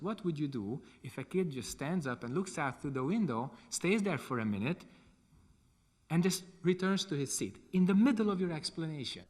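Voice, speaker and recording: Hungarian-accented monk lecturing in a reverberant hall. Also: male voice, on the high side. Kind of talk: lecture with question and answer.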